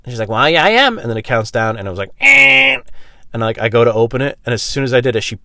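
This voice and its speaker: A man's voice: medium pitch, fairly even intonation, rapid-fire, dry recording, studio quality. A man in a casual, rambling comedic monologue at a laundromat, blunt and profane, acting out bits of dialogue as he goes. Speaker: vlog host telling personal stories.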